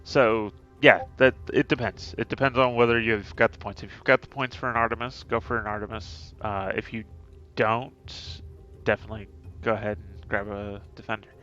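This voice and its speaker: Male game streamer, low-pitched, casual strategy chatter, thinks aloud with frequent fillers. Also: steady tone, moderate pace, fairly bright tone, dull audio, soft background music.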